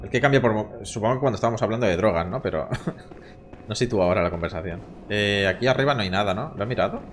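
A gaming streamer in his thirties from Barcelona, Catalonia, speaks with a Castilian Spanish accent in a lowish voice at a quick pace. He chats casually, swears and jokes with chat while giving live gameplay commentary from a room at home, with slight background noise.

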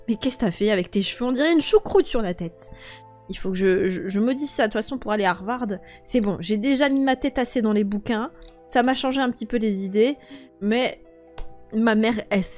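Woman doing a young woman of eighteen, high voice, stammering, emotional, game role-play. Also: a little mellow, lightly acted. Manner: stammering, emotional, talks to herself. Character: young woman just turned eighteen, anxious and grieving. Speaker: host and role-player.

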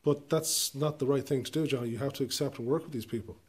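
A man speaks as an interviewer in a comic mock interview. His delivery is quick, at a medium pitch. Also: darkish tone, husky.

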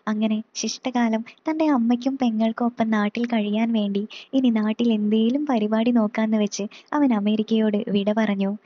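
Woman reading a story, slightly high voice. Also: moderate pace, lo-fi sound. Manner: steady, plain reading.

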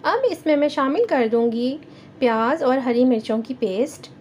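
A woman with a Pakistani Urdu accent hosting a cooking channel, giving calm step-by-step recipe instructions in a voice-over. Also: high-pitched, normal speed, slight background noise. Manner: calm, instructive, addresses viewers directly.

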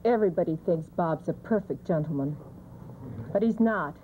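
A woman, an education TV specialist, telling a brisk roast anecdote building to a punchline, on a dull lo-fi recording. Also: lowish voice. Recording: dull lo-fi TV recording, faint hiss.

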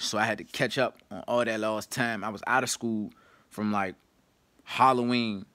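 A man's voice: on the low side, sharp tone, no echo. A young man in casual vlog talk, loose and slangy, sometimes reading a book aloud with asides. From Washington, D.C. area. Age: young adult.

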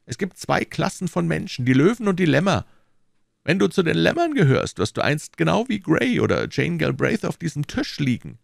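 A man voicing a scheming, smooth-talking schemer who coaxes and lectures in a patronizing way. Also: fairly high pitch, no echo, studio quality, voice pushed up, full character voice. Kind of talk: audiobook character voicing.

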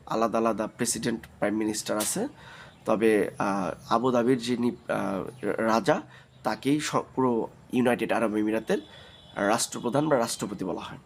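A man with a Bangladeshi Bengali accent hosting his own vlog, explaining things to viewers in a loose, repetitive way with many "uh" fillers. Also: mid-range voice. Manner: rambling, repeats himself, frequent "uh" fillers; addresses viewers directly, defensive about critics. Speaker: channel host.

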